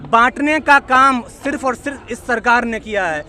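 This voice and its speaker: A man's voice: extremely high pitch, moderate pace, bright, forceful tone. A young man making an impassioned speech at an outdoor protest, reciting verse and arguing with questioners. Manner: fiery, rhetorical, leads call-and-response chants. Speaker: protest speaker. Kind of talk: impassioned street speech with poetry. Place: outdoor protest site in a city.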